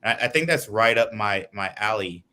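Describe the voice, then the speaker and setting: Man, from Guyana, political candidate, earnest, long-winded answers, lowish pitch. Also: expressive, moderate pace, sharp tone. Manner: earnest, explains at length. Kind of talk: interview answers. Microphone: video call.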